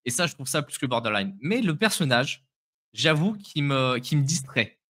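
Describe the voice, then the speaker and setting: A man's voice: mid-range voice, big pitch swings, moderate pace, a bit bright. A man co-hosting a live crypto stream, giving his opinions in casual chat with frequent restarts and repeated words.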